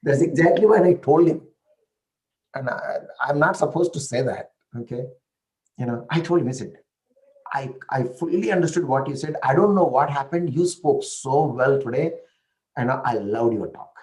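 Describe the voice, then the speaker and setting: This man, a native speaker of an Indian language with an Indian accent, has a mid-range, darkish voice with lively intonation and a moderate pace, captured in a rough recording. He tells stories in casual conversation, frequently tossing in "right?" and "you know."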